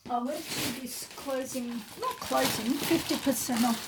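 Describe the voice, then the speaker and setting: A woman talks slowly and casually through her craft pages, rambling and sometimes dropping to a murmur. Her voice sits a little high with a gravelly fry. Clear background noise and paper crinkling are heard under her. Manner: chatty, rambling, often trails into soft murmurs. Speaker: craft vlogger. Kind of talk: casual show-and-tell. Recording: noisy room with paper crinkling.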